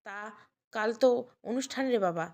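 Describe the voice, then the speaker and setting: A woman voicing a soft-spoken kind mother-in-law. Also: fairly high pitch, lively intonation, moderate pace, close to an everyday voice. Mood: gentle. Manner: soft, gentle, scolding fondly. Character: kind affectionate middle-aged mother-in-law. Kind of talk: Bengali audio story dialogue.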